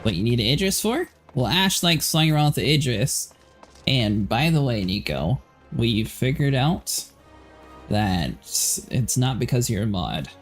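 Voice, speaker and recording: A man's voice: medium pitch, sing-song, measured pace, faint music behind. A man hosting a livestream, chatting casually about a game, laughing often and filling his talk with "like". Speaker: livestream host. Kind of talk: casual gaming chat.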